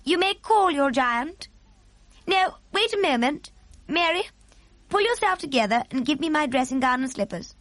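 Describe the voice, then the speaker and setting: A regal storybook Queen, played by a woman reader. Her voice sits high and she speaks in clipped, imperious phrases, sharp and commanding, yet poised. The sound is close and dry. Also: animated, normal speed, dry recording. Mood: commanding, composed.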